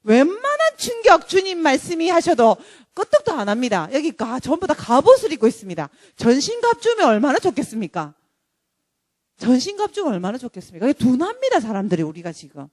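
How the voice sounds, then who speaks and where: A woman preaching a sermon in a lively, joking way, now and then acting out dramatic voices. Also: sits high, brisk, no echo, studio quality. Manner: animated, jokey, acts out dramatic voices.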